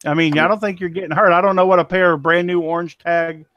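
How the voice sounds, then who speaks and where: A man's voice: sits high, fairly even intonation, fast talker, a bit bright, no room sound, highs cut off. A man selling antiques, chatting casually in a rambling, folksy, self-deprecating way. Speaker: antiques seller. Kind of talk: casual chat.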